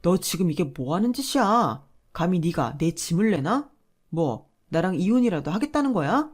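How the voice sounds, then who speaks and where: A woman's voice: on the low side, sing-song, moderate pace, darkish tone. A woman voicing a selfish, dismissive husband who argues back defensively. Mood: indignant.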